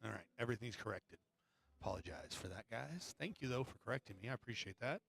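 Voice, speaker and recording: A man's voice: fairly low pitch, lively intonation, fast talker, vocal fry, a bit bright. A man hosting a live pool match stream, chatting casually with viewers between shots with joking asides. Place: pool hall.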